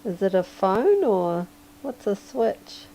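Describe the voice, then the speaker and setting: A hoarse, sleepy woman rambles through a casual livestream chat as she draws, chuckling often. Her voice is gravelly and mellow, and she talks in an unhurried drawl. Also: mid-range voice, very animated. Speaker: livestreaming digital artist.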